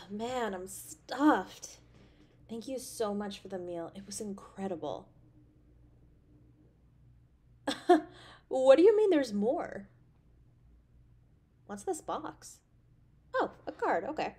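A woman voice actor takes the role of a playful, caring, affectionate girlfriend in an intimate audio drama, her delivery tender and expressive. Pitched on the high side, she sounds delighted and affectionate.

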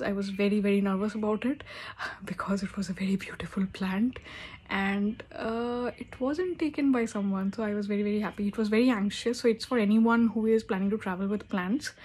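A young woman talking casually into a phone camera at home, explaining plant care with frequent hesitations and fillers. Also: mid-range voice. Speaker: plant vlogger. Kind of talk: casual how-to vlog. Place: indoor room at home. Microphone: phone camera at arm's length.

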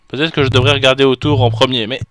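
A man doing panicked let's play commentary, shouting orders at his partner as he plays. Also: mid-range voice, fairly even intonation, fast, dry recording. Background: game music.

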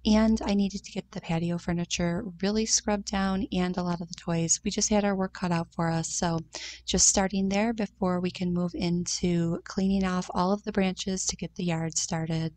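A woman's voice: lowish voice, steady tone, normal speed, a little mellow, a little hiss or hum. A woman in her thirties narrating her cleaning vlog in a chatty, upbeat voice-over, with frequent "um"s. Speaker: cleaning vlogger.

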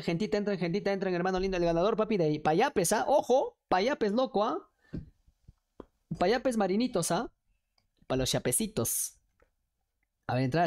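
A woman's voice: lowish voice, a little mellow. A woman, streaming and chattily coaxing her viewers to join a chat game. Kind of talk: casual livestream chat hosting a chat game.

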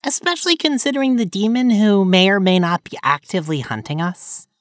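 Woman playing a practical troll girl with a lively voice. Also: mid-range voice, a little fast, no room sound, studio quality, close to an everyday voice. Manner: practical, matter-of-fact. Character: pragmatic young female troll, level-headed.

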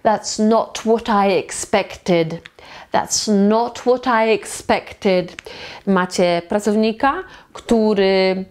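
A woman teaching English pronunciation, modeling short phrases very slowly, syllable by syllable. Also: medium pitch, a little mellow. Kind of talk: slow English pronunciation lesson.

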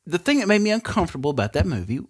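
A man's voice: on the high side, big pitch swings, rapid-fire, breathy edge. A middle-aged man hosting a casual podcast chat from a bedroom at home, rambling and drifting into tangents. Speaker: podcast host and father.

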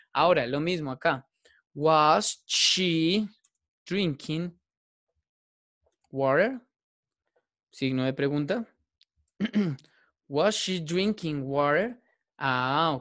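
A man's voice: fairly high pitch, dry recording, studio quality. A man teaching an English grammar class, explaining patiently and repeating himself, often checking in with his students. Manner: patient, repetitive, checks in with "¿listo?".

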